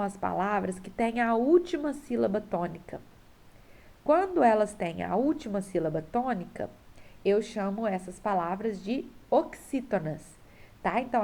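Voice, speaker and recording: A woman's voice: medium pitch, vocal fry, darkish tone. A woman teacher with a Brazilian Portuguese accent, recording from home as she patiently goes over a homework correction for her pupils and keeps checking that they follow. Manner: patient, checks in often with a tag question.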